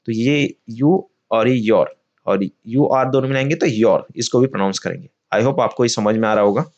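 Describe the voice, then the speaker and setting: A man's voice: mid-range voice, a little mellow, highs cut off. A man teaching English vocabulary in Hindi. He often asks a question and answers it himself, repeats key words, and calls his viewers friends.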